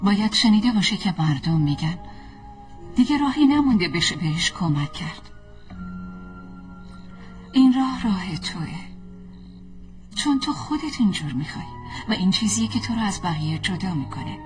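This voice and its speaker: A woman dubbing a calm, supportive young woman who encourages the hero, in a gentle, reassuring manner. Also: medium pitch, pauses often, soft background music, close to an everyday voice. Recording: distant voice over film score.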